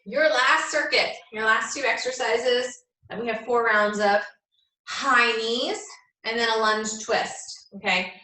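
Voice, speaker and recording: A woman's voice: on the high side, takes it slowly, bright, forceful tone. A woman coaching a live workout class like a gym coach, cueing exercises and encouraging as she goes. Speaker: fitness instructor leading a circuit workout. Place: echoey indoor room, away from the mic. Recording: echoey room, distant mic, faint noise.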